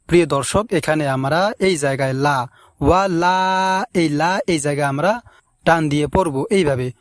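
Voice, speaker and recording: A man teaching recitation, stretching each word slowly and repeating it, with quicker explanations between. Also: on the high side, dry recording, studio quality. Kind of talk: recitation lesson.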